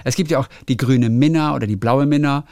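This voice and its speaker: A man's voice: mid-range voice, fast talker, a little mellow, no room sound, clean studio sound. A man, a radio host, chatting casually on the phone and telling rambling little stories.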